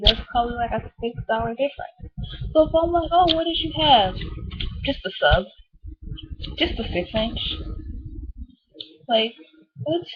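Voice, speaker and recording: Exasperated woman ranting, husky, tinny sound. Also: a little high. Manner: exasperated, emphatic, mimics customers in quoted asides. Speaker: sandwich shop worker venting about customers. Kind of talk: casual spoken rant. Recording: tinny, phone-like narrow band.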